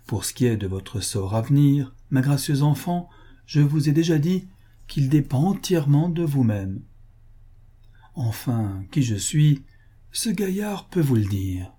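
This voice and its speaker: A man voicing a sly male villain who speaks in a honeyed, ironic, mockingly gentle way. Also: mid-range voice, expressive, unhurried, pitched above the performer's own voice. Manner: smooth, honeyed, mock-gentle.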